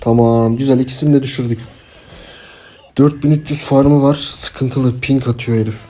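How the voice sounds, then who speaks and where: Young male gamer, mellow voice, casual running commentary with frustrated outbursts. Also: mid-range voice, fairly even intonation, normal speed. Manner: chatty, frustrated outbursts, talks to teammates. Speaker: gameplay streamer. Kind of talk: casual live gameplay commentary.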